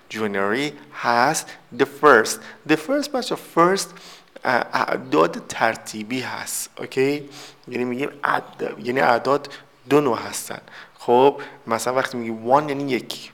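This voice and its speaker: Gravelly male vocabulary teacher. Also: mid-range voice, fairly bright tone. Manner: explains step by step, mixing Persian with English examples. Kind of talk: recorded vocabulary lesson.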